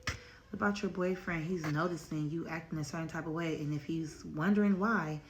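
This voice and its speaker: A woman talks to her viewers in a loose, candid storytime, slangy and direct, as if chatting with a friend. Her voice sits a little low for a woman. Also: brisk, a little hiss or hum. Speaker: storytime vlogger, channel host. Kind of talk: casual storytime monologue.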